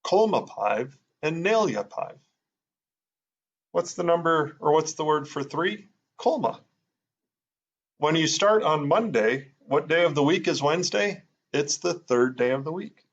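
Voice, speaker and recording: A man's voice: on the high side, lively intonation, unhurried, breathy edge, lo-fi sound. A man teaching in a casual, thinking-aloud way, with many fillers as he sounds out words. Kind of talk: casual explanatory lesson.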